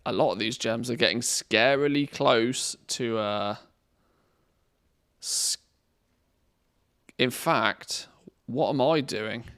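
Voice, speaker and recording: A man chatting casually to viewers on a game livestream, rambling informally, with a gravelly voice. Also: mid-range voice, slow pace, long pauses, a bit bright, no echo, studio quality. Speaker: game streamer and video maker. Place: indoor studio room padded with cushions against echo.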